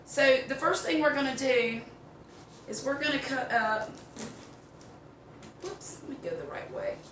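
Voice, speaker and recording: An older woman with a Southern US accent chats in a folksy, rambling way during a home cooking demonstration in her kitchen. Her voice is high, a little slow, and a bit bright. The recording sounds roomy, with a distant mic and background noise.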